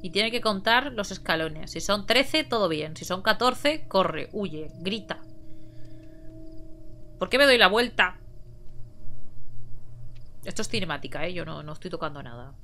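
A woman's voice: medium pitch, expressive, moderate pace, pushed and bright. A woman commentating a horror video game, chatting along and shrieking when scared. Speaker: gameplay streamer.

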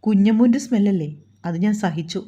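A woman voicing a stern, quick-tempered young husband who scolds in a lowered voice, in a storybook reading. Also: dark tone. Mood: tender.

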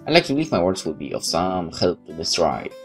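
His voice is low, a bit fast, and swings widely in pitch. The man is a let's player commenting off-camera, reading out the game's narration and chiming in with his own remarks as game music plays.

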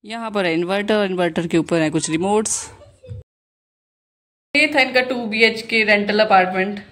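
A woman's voice: medium pitch, moderate pace, fairly bright tone. A woman in her thirties, a vlogger chatting casually as she walks through a rented apartment and points out the rooms. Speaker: vlogger giving a home tour. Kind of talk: casual home tour narration.

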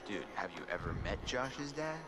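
A cocky young college guy from a video game, teasing and playful. His voice swings up and down with lively energy, and heavy noise runs behind it. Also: on the low side, normal speed. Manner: joking, playful. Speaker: game character.

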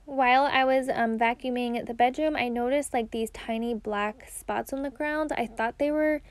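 A woman's voice: fairly high pitch, steady tone, normal speed, soft background music. A young adult woman chatting casually to camera about cleaning at home, talking in a loose, rambling way with lots of fillers. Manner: chatty, uses many "like" and "um" fillers. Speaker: cleaning vlogger.

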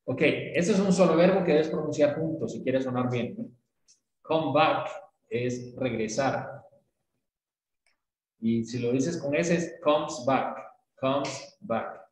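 A man's voice: mid-range voice, a little slow, a little mellow, very echoey, poor audio. A man from Latin America teaching an English lesson, explaining patiently with images and asking questions.

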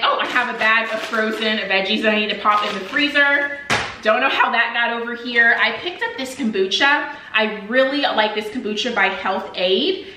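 A woman's voice: medium pitch, sharp tone. A young woman in a home kitchen, chatting upbeat to her viewers as she shows off her shopping haul. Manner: upbeat, chatty, addresses viewers as "you guys". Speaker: vlogger. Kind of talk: casual haul video chat. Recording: echoey room.

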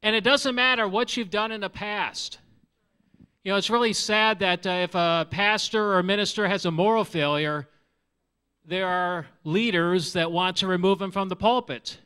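Holding a microphone on a church stage, a Minnesota-accented missionary in his 40s shares his testimony with a large sanctuary audience. He speaks at a moderate pace in a high-pitched, sharp yet smooth voice, earnest and conversational, posing questions to listeners.

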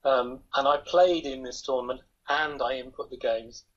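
At a moderate pace and steady tone, an older man speaks in a mid-range voice that's fairly bright yet slightly rough. He rambles and makes fun of himself while being interviewed over video from his home. It's recorded on a laptop webcam, with dull, lo-fi call audio.

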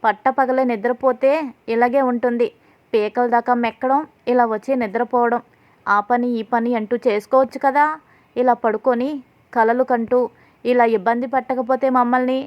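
A woman's voice: fairly high pitch, little pitch movement, moderate pace, no room sound, natural voice. A woman voicing a domineering wealthy mother-in-law who scolds with contempt, in slightly dull audio. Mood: scornful.

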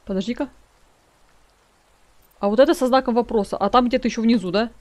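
A woman's voice: a little high, brisk, darkish tone. A woman giving casual gameplay commentary as a let's play gamer, chatting to her viewers and reading in-game notes aloud.

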